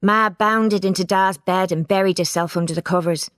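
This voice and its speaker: A woman reading a children's storybook aloud, giving it lively expression. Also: medium pitch, moderate pace, no echo, studio quality. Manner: lively character voices, plain narration. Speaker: audiobook reader. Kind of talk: storybook narration.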